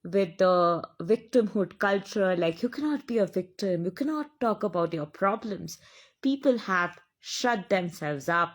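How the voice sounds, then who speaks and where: Woman, Indian English accent, impassioned, preachy, spiritual monologue, repetitive phrasing, mid pitch. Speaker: spiritual channel speaker.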